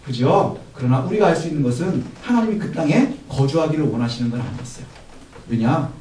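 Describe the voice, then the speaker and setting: Male pastor with a high, animated delivery, preaching from a distance in a very reverberant church. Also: brisk. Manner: animated, acts out quotes with a raised voice; poses rhetorical questions to the congregation. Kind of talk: Sunday morning sermon. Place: church sanctuary. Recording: echoey hall from far off, faint noise.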